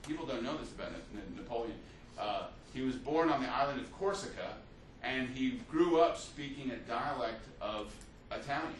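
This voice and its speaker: A man's voice: mid-range voice, lively intonation, moderate pace, few pauses, a little hiss or hum. A man giving an unscripted history lecture as a teacher, telling it like a story, with many fillers and restarts. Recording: echoey room, mic at a distance.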